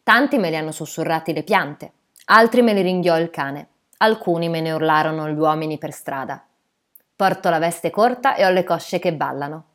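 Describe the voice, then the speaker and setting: A woman with a somewhat low voice narrates a literary story in the first person. She tells it in a dry, matter-of-fact way, keeping an even storyteller's pace. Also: moderate pace.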